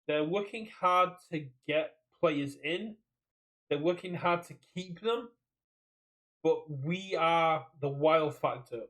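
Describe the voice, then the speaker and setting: The voice is a British man's, fairly high and a bit bright, moving at a slow pace over a rough recording. As a podcast co-host in a casual chat about a card game community, he rambles along and repeats his phrases.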